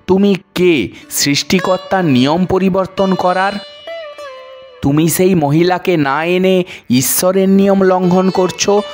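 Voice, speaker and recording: A man voicing a stern male god of death who scolds a disobedient angel in a spoken story. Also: sits high. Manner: scolding, commanding.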